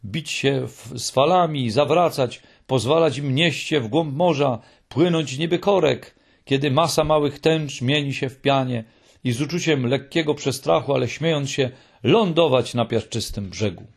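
A man's voice: mid-range voice, normal speed, gravelly, slightly rough. Moomintroll, eager boyish troll, read by a man. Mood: dreamy. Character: young male Moomin troll, small, excitable. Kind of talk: audiobook reading.

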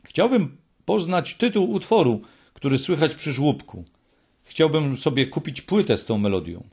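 A man voicing a brisk, raised-voice male engineer. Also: husky. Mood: insistent. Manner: energetic, raised pitch. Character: brisk middle-aged male engineer, gruff turned kindly.

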